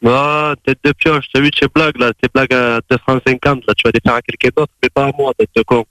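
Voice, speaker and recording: A man's voice: mid-range voice, level tone, fast talker, a bit bright, no room sound. A man with a Marseille accent in a heated phone conversation, irritated, confrontational and swearing, on a phone call played on the radio. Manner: irritated, confrontational, foul-mouthed. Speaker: prank call recipient.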